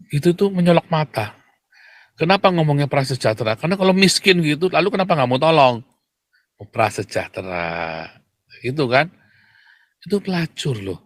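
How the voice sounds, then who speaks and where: A man preaching to an audience in a provocative, confrontational way, firing questions at his listeners and answering them himself, with loud emphatic bursts and low mutters. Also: dry recording, clean studio sound. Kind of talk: preaching monologue.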